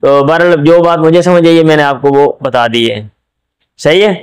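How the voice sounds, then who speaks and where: Middle-aged Punjabi-male lecturer, patient and explanatory, clear resonant voice, slightly raised pitch. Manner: explains step by step, checks with "ٹھیک ہے؟"; switches into Punjabi for jokes. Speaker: teacher. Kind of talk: classroom lecture on Arabic Quran commentary.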